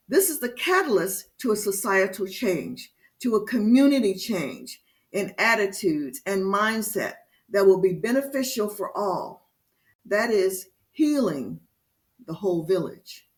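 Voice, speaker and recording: A woman giving a prepared lecture-style talk to a discussion group, speaking slowly and with emphasis. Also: fairly high pitch. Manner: slow, deliberate and emphatic. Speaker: speaker leading a discussion series.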